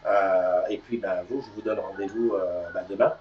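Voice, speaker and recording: A man's voice: sits low, steady tone, normal speed. A man hosting a live morning show, chatting casually and upbeat, announcing news and teasing his co-host. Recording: distant, roomy, dull sound.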